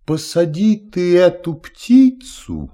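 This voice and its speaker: A man's voice: high-pitched, wildly swooping pitch, takes it slowly, warm tone, voice pushed up, full character voice. A man voicing an old male wise stargazer in a verse fairy tale, speaking in a solemn, instructive way.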